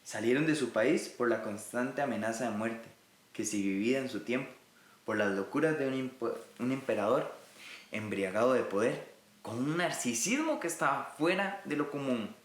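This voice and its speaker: A man's voice: medium pitch, lively intonation, moderate pace, reverberant. A man from Rica, teaching a recorded Bible lesson in an earnest way and speaking directly to his listeners. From Costa Rica.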